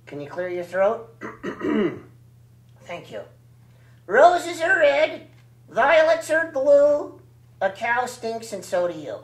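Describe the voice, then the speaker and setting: A man's voice: very high voice, big pitch swings, takes it slowly, long pauses, roomy sound, voice pushed up, full character voice, rough recording. A man voicing a cheeky eight-year-old boy ventriloquist dummy who cracks rude little jokes.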